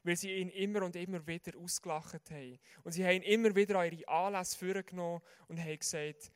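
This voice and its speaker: A man's voice: high voice, fairly even intonation, quick pace, smooth. A man with a Swiss German accent preaching a sermon, earnest and putting questions straight to his listeners.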